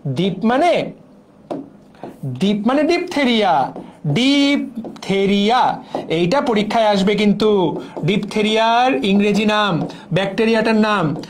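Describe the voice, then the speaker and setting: A man's voice: high voice, animated, measured pace, long pauses, slight background noise. A young man from Bangladesh teaching a biology exam-prep class, drilling memory tricks through repetition. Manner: playful, drills mnemonics with repetition. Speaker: biology lecturer.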